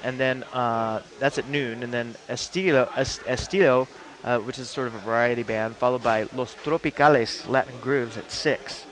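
A man's voice: mid-range voice, steady tone, normal speed, a bit bright. A man co-hosting a radio show, chatting loosely about local events with lots of fillers and jokes. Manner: rambling, joking, many fillers and restarts. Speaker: radio co-host.

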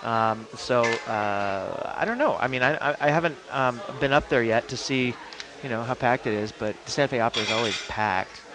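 A man's voice: medium pitch, normal speed, background noise. A man co-hosting a radio show, chatting loosely about local events with lots of fillers and jokes. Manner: rambling, joking, many fillers and restarts. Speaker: radio co-host.

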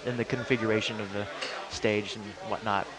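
A man's voice: on the low side, little pitch movement, a little fast, crowd noise. A man co-hosting a radio show, chatting loosely about local events with lots of fillers and jokes. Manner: rambling, joking, many fillers and restarts. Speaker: radio co-host.

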